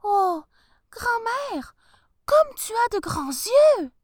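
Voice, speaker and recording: A woman voicing an innocent, cheerful little girl in a storybook reading, speaking high and eager. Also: sing-song, extremely slow, dry recording, clean studio sound, heavily acted.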